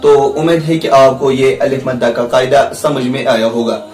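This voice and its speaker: A man teaching a recorded lesson on Quran reading rules, explaining slowly and repeating each point, drawing out example syllables. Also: mid-range voice, a little mellow, far from the mic, faint music behind. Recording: echoey room, voice from off-mic.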